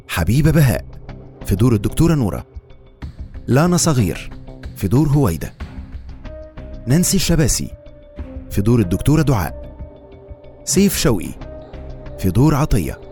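A man's voice: mid-range voice, sing-song, brisk, pauses often, dark tone, faint music behind. A man announcing a radio serial and reading out its credits.

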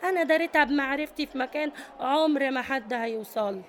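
Brief: woman as domineering Egyptian lady prison boss, higher voice, bossy and scolding, faint hiss. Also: fast, natural voice. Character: tough domineering middle-aged female prison boss.

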